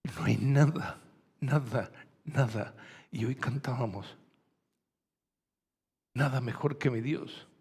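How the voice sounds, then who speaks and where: Pastor, male, Rioplatense accent, husky gravelly voice, gentle sermon that builds to fervent preaching, long hall reverb. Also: medium pitch, slow pace, pauses often. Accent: Rioplatense Spanish. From Argentina. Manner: gentle and soft, rising to loud fervent preaching. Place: church hall.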